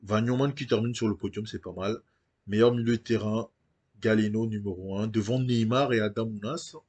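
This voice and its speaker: Male gaming host, fairly low voice, loose commentary with many hesitations. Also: fairly even intonation, moderate pace, darkish tone. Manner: thinks aloud with frequent hesitations. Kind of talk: casual game commentary.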